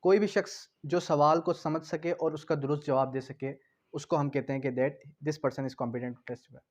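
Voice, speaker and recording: A Pakistani man who teaches law lectures in a high-pitched, steady voice at a moderate pace. His explanatory talk mixes Hindi-Urdu with English legal terms, and he is didactic and repetitive, asking questions and then answering them himself.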